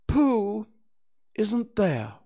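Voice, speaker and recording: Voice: mid-range voice, big pitch swings, very slow, creaky, dark tone, voice pushed up, heavily acted. A storybook reader voicing a pompous, long-winded owl with hesitant, wordy delivery. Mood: matter-of-fact. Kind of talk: children's storybook character reading.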